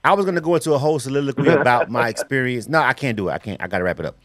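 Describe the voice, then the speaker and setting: A middle-aged Florida man hosts a radio interview at a very fast clip, his medium-pitched voice expressive and loose. He rambles in slangy fashion, tossing in casual asides and a steady stream of "you know what I'm saying." The recording has no echo, with faint music in the background.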